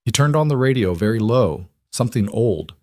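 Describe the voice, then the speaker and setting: A man reading a scripted story in a calm, measured, soft-spoken way. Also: medium pitch, no echo, studio quality.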